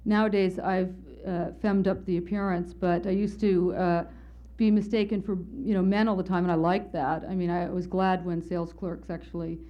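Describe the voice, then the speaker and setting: A woman's voice: on the low side, little pitch movement, moderate pace. A woman speaker at a conference telling a candid, wry personal story as part of her lecture. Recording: slightly muffled lo-fi lecture recording.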